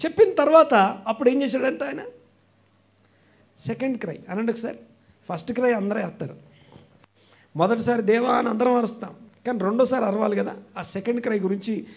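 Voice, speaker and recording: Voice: mid-range voice, gravelly, darkish tone. A pastor preaching a sermon emphatically and calling on the congregation to repeat phrases back.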